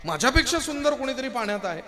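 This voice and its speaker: A man's voice: very high-pitched, very animated, fast talker, voice pushed up. A kirtan performer acts out a vain, proud young man in a raised, strained voice. He boasts, scorns and then begs in turn, always demanding to be answered. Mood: pleading. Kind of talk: kirtan storytelling.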